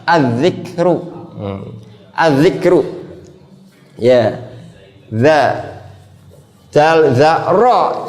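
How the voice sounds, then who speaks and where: Patient Arabic teacher, roomy echo. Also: male voice, fairly high pitch, darkish tone. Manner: patient, repeats words, prompts students by name. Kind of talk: classroom lesson with students.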